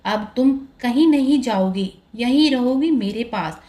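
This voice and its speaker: A woman's voice: on the high side, lively intonation, measured pace, warm tone. A woman playing a headstrong young male prince. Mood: possessive. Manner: insistent, calling out. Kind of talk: storybook narration.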